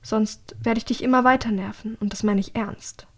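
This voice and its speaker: A woman reading an audiobook, voicing an urgent young woman who pleads in hushed, half-whispered tones. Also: a little high, fairly even intonation, moderate pace, natural voice.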